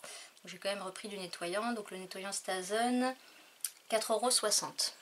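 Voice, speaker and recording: A woman talking casually through a crafting haul, hesitant with many fillers and often trailing off quietly. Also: mid-range voice, unhurried, slight background noise. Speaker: crafting vlogger.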